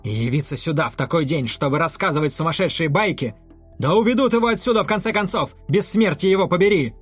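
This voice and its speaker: A man voicing a nervous, scheming male villain who shouts orders at guards. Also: lively intonation, moderate pace, slightly rough, faint music behind. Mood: shrill commanding. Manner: shrill, commanding shouting.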